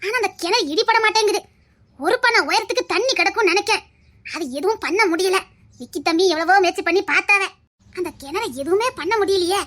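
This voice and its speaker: A blunt old village grandmother with a Tirunelveli accent lectures and teases in a lowered, gravelly-sounding register, as a woman acts her out. She talks like someone who has seen it all. This is a one-voice audio drama. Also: a little fast, a bit bright. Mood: gossiping. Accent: Tirunelveli Tamil. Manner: scolding, lecturing, teasing.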